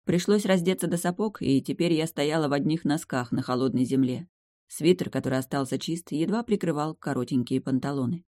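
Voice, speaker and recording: A woman narrating a first-person fantasy audiobook in a lively, expressive way. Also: low-pitched, a little fast, no room sound, clean studio sound.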